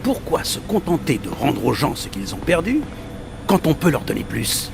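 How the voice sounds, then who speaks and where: A man playing an ambitious, embittered middle-aged scientist in a French video game dub, gravelly, intense and volatile. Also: fairly high pitch, sing-song, moderate pace, noisy background. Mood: brooding, determined.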